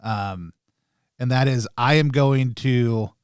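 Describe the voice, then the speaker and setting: A man's voice: mid-range voice, takes it slowly, clear, resonant tone, dry recording, studio quality. A man chatting casually as he improvises his part as a player in a tabletop role-playing game.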